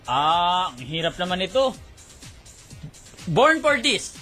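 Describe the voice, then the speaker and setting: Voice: medium pitch, very animated, slow, pushed and bright, faint music behind. A Filipino radio host chatting, laughing and joking with co-hosts. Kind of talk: casual chat.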